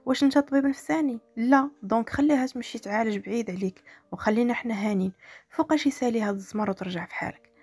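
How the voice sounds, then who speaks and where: A woman voicing a young man with a Moroccan accent who loudly and insistently lectures his friend. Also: a little high, racing, breathy edge, no echo, faint music behind. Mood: scolding. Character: angry young male friend, scolding.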